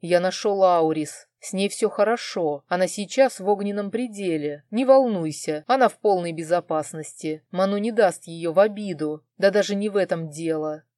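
A male dragon speaks in an audiobook, urgent and pleading as a lover, voiced by a woman reader. The voice is mellow and warm, recorded dry and close. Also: fairly low pitch, normal speed, hardly any pauses, dry recording, lightly acted. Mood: earnest. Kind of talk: audiobook reading.

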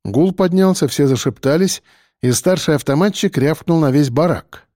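Male audiobook narrator, first-person, steady tense telling, slightly higher voice, dry close sound. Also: moderate pace, no room sound.

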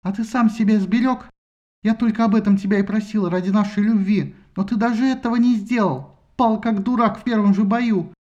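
Man putting on a young wife's voice, high and emotional, reproachful, dull lo-fi storybook audio. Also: moderate pace, warm tone. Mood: bitter. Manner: pleading, emotional. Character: grieving young wife, passionate and reproachful.

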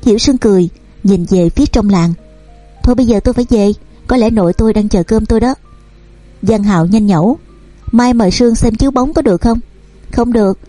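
A woman narrating a romance novel and reading every character's lines in her own voice, over soft background music. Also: a little high, no echo. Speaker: audiobook narrator. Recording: dry close recording with soft music underneath.

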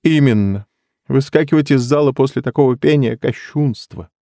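A man voicing a sentimental, tearful young man who talks slowly with grand solemnity. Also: medium pitch, mellow, no echo, studio quality, pitched above the performer's own voice, natural voice. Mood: grandly solemn. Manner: slow, weepy and grandly solemn.

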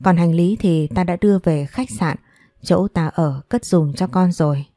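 Woman reading a kind older lady in an audio story, low mellow voice, soft and plain. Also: a little slow, no room sound, clean studio sound, close to an everyday voice.

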